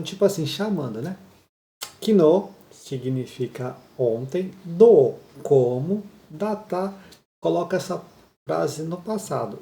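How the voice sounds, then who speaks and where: Gravelly man teaching Japanese. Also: a little high, mellow, roomy sound. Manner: explains patiently, checks in with "né?" and "tá?" constantly. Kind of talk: explaining a listening lesson.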